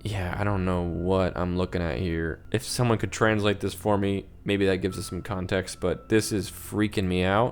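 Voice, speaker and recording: A young man hosting a casual reaction video, rambling and easily creeped out, often laughing, with faint music behind him. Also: on the low side.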